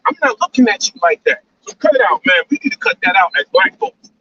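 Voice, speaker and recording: Man, very high pitch, bright and cutting, emphatic and preachy livestream host, dull lo-fi sound from a distance. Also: huge pitch swings, fast talker, a little hiss or hum. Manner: emphatic, repetitive, lecturing, ends lines with "man". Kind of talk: casual livestream talk.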